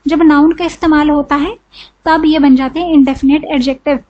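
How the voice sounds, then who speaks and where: This grammar teacher, a woman with an Indian accent, speaks a little fast in a high voice with fairly even intonation, and the highs are cut off. She moves step by step, poses questions she answers herself, and says "ठीक है" often.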